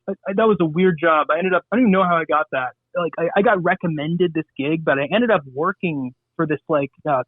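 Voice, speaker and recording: A man's voice: a little high, dry recording. Male radio guest from Southern California, loose rambling delivery, phone-quality audio, dry. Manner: loose, rambling, crude humor with many fillers. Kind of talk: casual radio interview. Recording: tinny phone-line sound.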